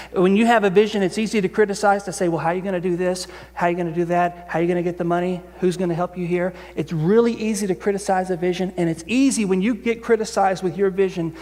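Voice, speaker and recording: A man with a high-pitched voice preaches to his congregation in a casual, conversational way, often circling back and restarting his phrases. His voice rings out through the long reverb of a church sanctuary. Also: a little mellow. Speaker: senior pastor. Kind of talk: sermon.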